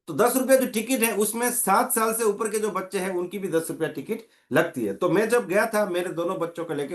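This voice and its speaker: A man giving a motivational training talk, an animated storyteller who swings his pitch up and down. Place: training hall.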